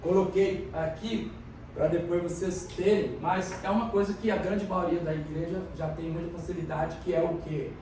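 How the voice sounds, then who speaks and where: A man's voice: fairly high pitch, steady tone, moderate pace, mellow, a little hiss or hum. A man preaching a sermon as pastor, explaining things and questioning the congregation. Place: church hall. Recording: echoey church hall, mic from a distance.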